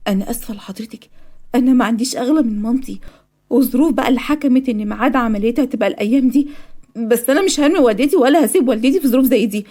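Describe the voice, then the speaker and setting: A woman's voice: on the high side, very fast, mellow, lightly acted. A woman with an Egyptian accent voicing an earnest young nurse in a cartoon story, speaking in a raised, pleading voice. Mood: apologetic.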